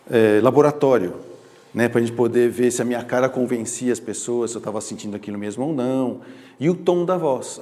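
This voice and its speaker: Lively Brazilian man lecturing in a hall. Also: mid-range voice. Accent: Brazilian Portuguese. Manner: animated, acts out quoted examples. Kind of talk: motivational lecture. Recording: echoey hall.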